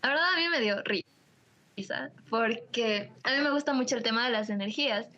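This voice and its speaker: A woman from Ecuador, co-hosting a podcast, giving her opinions in a thoughtful, measured way. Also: on the high side, pushed and bright. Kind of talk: casual podcast chat. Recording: dull lo-fi audio.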